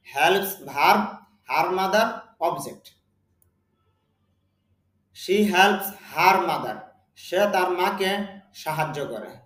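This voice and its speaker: A man with a Bengali accent teaching a spoken English lesson, speaking slowly and deliberately and repeating words for his students. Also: sits high, fairly bright tone, echoey room.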